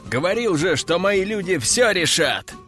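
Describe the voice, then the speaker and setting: A man's voice: sits high, big pitch swings, moderate pace, bright, forceful tone, soft background music, pitched above the performer's own voice, heavily acted. Guy doing a blunt boastful army major, bouncy up-and-down voice. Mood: gloating. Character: gruff male army major, blunt soldier.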